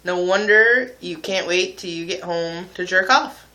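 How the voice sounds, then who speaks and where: A young adult man with a high, sharp-toned voice talks a little slowly as a video blogger. He chats casually and candidly to viewers in a confessional, informal way, poking fun at himself.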